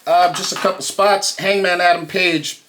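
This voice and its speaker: A man with a fairly high voice co-hosts a wrestling recap podcast. He welcomes listeners in a showy, sing-song way, then walks through the action in loose, friendly chat full of fillers. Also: steady tone, normal speed, a bit bright, slight background noise. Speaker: podcast co-host.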